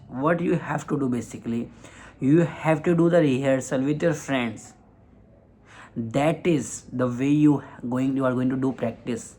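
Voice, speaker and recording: Man, slow measured delivery, mid-pitched voice, self-help speaking coach. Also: darkish tone, low-quality recording. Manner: slow, deliberate delivery with frequent pauses and restarts. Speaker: communication skills coach. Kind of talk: motivational self-help lesson.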